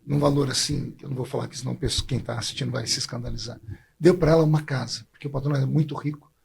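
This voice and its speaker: A man's voice: mid-range voice, steady tone, rapid-fire, a little mellow, a little hiss or hum. A man from Brazil, a preacher, telling his personal faith story in a heartfelt way, his voice catching with emotion. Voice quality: gravelly, husky voice.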